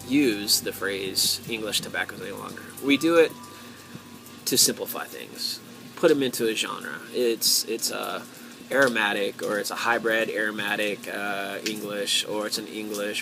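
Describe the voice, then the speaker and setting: An American man with a slightly low-pitched voice chats casually to his viewers. Music plays clearly along with him. He speaks haltingly, thinking aloud and leaving drawn-out pauses as he goes. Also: steady tone, bright, forceful tone, rough recording. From United States. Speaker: pipe-hobby vlogger and host. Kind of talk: casual solo talk to viewers.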